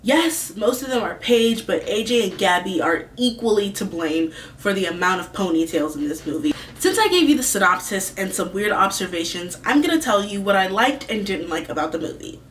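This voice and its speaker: A woman's voice: mid-range voice, animated, normal speed. A woman reviewer giving casual, rambling, informal commentary with some swearing, as host. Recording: distant mic with faint background noise.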